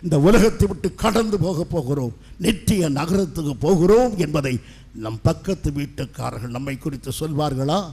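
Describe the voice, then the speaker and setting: A middle-aged male pastor preaching an impassioned sermon, swinging between loud declarations and hushed asides. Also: on the high side, expressive, moderate pace, husky.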